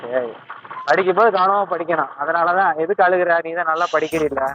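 A father on a phone call, gently coaxing and reassuring his young daughter and often asking whether she agrees. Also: on the high side, a little fast, music in the background.

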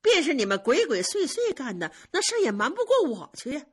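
A woman storyteller voicing a proud, sharp-tongued young maidservant who answers back with sneering, biting retorts. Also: high voice, huge pitch swings, fairly quick, pitched above the performer's own voice, full character voice. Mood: scornful. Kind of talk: traditional storytelling.

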